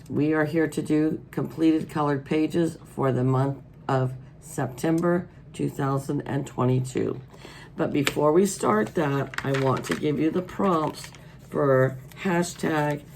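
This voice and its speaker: A middle-aged American woman with a hoarse, allergy-congested voice, chatting casually as host of a hobby vlog. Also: deep voice, a little mellow, a little hiss or hum, low-quality recording. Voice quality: froggy, hoarse. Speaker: host of a colouring channel. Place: indoors at a wooden table.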